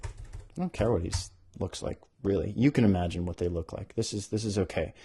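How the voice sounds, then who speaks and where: A man talking casually as an author hosting a podcast, animated and often interrupting himself as he thinks aloud. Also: deep voice, fairly quick, slightly rough. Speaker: author hosting a podcast about their own book. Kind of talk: casual rambling talk with bits read aloud.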